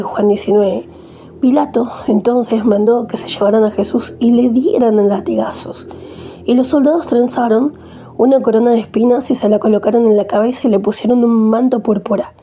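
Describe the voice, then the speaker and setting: Lady reading the bible aloud, steady, slight slips, kinda husky. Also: fairly high pitch, moderate pace. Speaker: Bible reader. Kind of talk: scripture reading.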